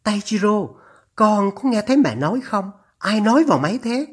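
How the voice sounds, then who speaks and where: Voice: medium pitch, sing-song, normal speed, husky, voice pushed up. A narrator voicing an anxious older mother on the phone, her trembling voice urgent and scolding as she pleads. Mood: pleading, alarmed.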